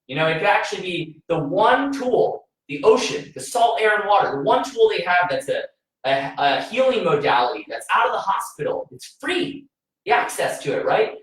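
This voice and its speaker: A man's voice: high voice, very animated, moderate pace, a bit bright. A man chatting casually as a podcast co-host, telling a story earnestly and often restarting his sentences. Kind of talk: casual chat. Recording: very echoey room, voice far from mic.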